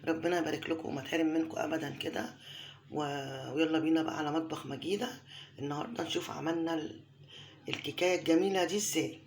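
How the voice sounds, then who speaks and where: An Egyptian woman hosting a home cooking tutorial, her voice hoarse from a cold, showering her viewers with affectionate blessings. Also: sits low, steady tone, quick pace, slight background noise. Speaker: home cooking channel host.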